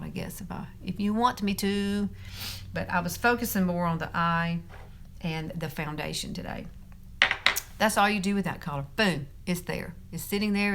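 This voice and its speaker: A woman in her fifties giving a chatty live makeup tutorial, laughing often and talking straight to her viewers. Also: lowish voice. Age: 50s. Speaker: beauty vlogger.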